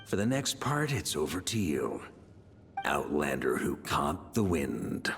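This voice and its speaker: An actor playing a rugged, unflappable veteran knight in a video game, wry and musing to himself. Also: male voice, extremely low pitch, very animated, takes it slowly, creaky, background noise, full character voice. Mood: wry, defiant. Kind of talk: video game character acting. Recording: music behind the voice.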